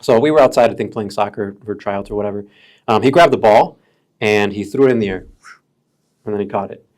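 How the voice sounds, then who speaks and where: A man's voice: fairly low pitch, brisk, a little mellow. Laid-back man in his thirties. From Chicago area, US. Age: 30s. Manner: laid-back, calls friends bro and dude. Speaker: podcast guest. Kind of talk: casual storytelling chat.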